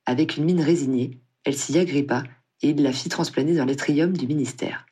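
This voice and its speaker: A reader narrating a story in a steady, husky voice. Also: mid-range voice, fairly quick. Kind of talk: scripted audiobook narration.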